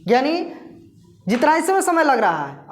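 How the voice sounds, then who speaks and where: A woman teaching a Hindi grammar lesson who asks her class questions, answers them herself and slowly repeats the key terms. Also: high-pitched, wildly swooping pitch, echoey room.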